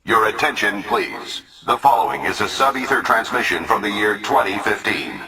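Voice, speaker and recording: A man making a formal announcement heard through loudspeakers. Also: fairly low pitch, lively intonation, normal speed, music in the background. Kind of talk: public address announcement.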